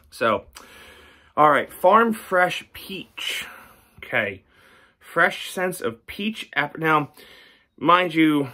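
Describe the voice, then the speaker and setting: At home in front of his record shelves, a man in his thirties reviews candles in a casual vlog, speaking to the camera. His medium-pitched voice has a sharp tone. He rambles loosely, full of ums and restarts.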